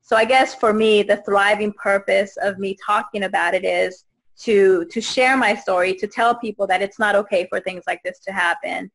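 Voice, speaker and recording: A woman in her thirties from Guatemala, a guest telling her own story on a video call, earnest and halting with many fillers and restarts. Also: mid-range voice, steady tone, a bit bright, low-quality recording. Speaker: interview guest. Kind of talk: personal testimony in a video call. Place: indoors, small room. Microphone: video call webcam.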